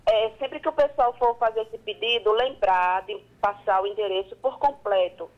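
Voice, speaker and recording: A woman's voice: medium pitch, normal speed. Woman on a breaking-up phone line. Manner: affectionate, calls the host dear. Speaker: caller to a radio show. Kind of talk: call-in phone chat. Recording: muffled cutting-out phone call.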